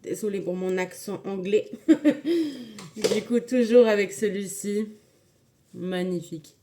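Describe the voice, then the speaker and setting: A woman's voice: mid-range voice, steady tone, moderate pace, dark tone, slight background noise. A woman casually talking viewers through a makeup tutorial, chatty and enthusiastic, with frequent hesitations. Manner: chatty, filler-heavy, enthusiastic about products.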